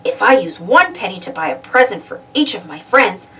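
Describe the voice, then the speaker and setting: Woman voicing Donald Duck, excitable and very animated. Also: mid-range voice, moderate pace, distant mic, a little hiss or hum. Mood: musing. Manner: exclamatory, eager, wondering aloud. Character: excitable, self-centred male cartoon duck.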